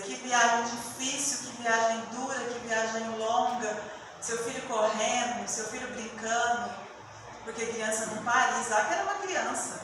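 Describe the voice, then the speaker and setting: A woman with a fairly high voice preaches with emotive storytelling, moving from hushed passages to loud swells. She is recorded from far off in a church hall with a long, roomy echo. Room noise sits under her voice. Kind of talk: sermon.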